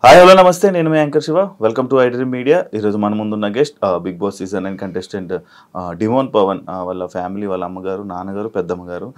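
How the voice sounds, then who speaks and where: A man hosting an interview, asking many short, lively questions. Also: on the low side, fast, soft background music. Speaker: interview host. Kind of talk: casual interview.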